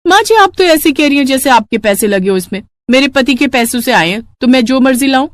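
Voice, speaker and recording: एक महिला, कार्टून कहानी में पलटकर जवाब देने वाली जवान बहू की आवाज़ करती हुई।. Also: female voice, high voice, expressive, brisk, dry recording, voice pushed up. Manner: cheeky, talks back. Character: sharp-tongued young daughter-in-law.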